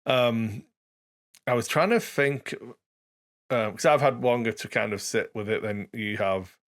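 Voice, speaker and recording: A man's voice: mid-range voice, measured pace. A man co-hosting a casual hobby podcast, talking in a dry, sarcastic way that stops and starts with fillers. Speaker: podcast co-host.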